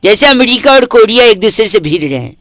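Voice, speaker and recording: A man with a very high voice, deadpan and mock-earnest as he lectures absurd logic on a prank call. The sound is dry and close, with no room echo. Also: fast. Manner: answers only with hums to provoke. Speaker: prank caller.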